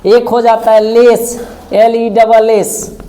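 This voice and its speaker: A man teaching a spoken-English lesson, who keeps asking what we will say and repeats and spells out words slowly. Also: very high-pitched, little pitch movement, warm tone.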